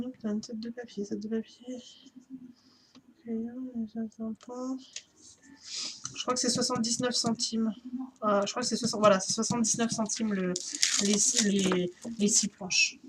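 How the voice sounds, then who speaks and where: Woman, slow chatty vlogger, a bit high, light background noise. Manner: chatty, hesitant, many fillers. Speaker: YouTuber. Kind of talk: casual haul vlog.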